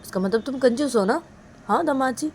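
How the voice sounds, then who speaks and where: A woman's voice: high voice, lively intonation, a little fast, a little mellow, slight background noise, voice pushed up. A woman voicing a nosy aunt who teases with needling questions. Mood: teasing. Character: teasing aunt, nosy and mocking.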